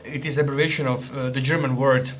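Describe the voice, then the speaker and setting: Brief: young man, mid-pitched, chatty and jokey food vlogger, faint noise behind. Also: level tone, fast talker. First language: Croatian. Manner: chatty, joking, restarts and hesitations. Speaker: ration reviewer. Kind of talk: casual food review vlog.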